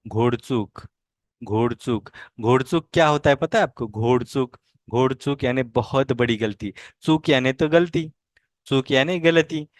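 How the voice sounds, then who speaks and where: A man teaching words by drilling them slowly, saying each one over and over before explaining it in a patient classroom manner. His voice sits at an ordinary middle pitch and is recorded close and dry, with no room sound. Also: dry recording. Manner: repeats each word slowly several times, then explains in a patient teaching tone. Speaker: language teacher. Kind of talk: slow word-by-word pronunciation drill and explanation.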